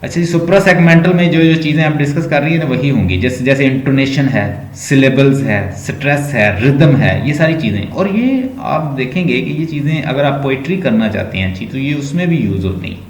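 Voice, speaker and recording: A man with a Pakistani Urdu accent teaching an online class, explaining slowly and repeating words to show how they sound. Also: mid-range voice, animated, reverberant, a little hiss or hum, low-quality recording.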